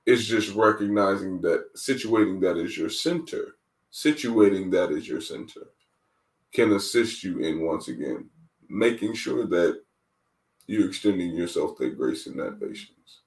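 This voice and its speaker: A man in his twenties, a wellness coach guest, speaking in a measured, reflective way and repeating key phrases for emphasis. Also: deep voice, animated. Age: 20s. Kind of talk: reflective interview talk. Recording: roomy sound, distant from the mic.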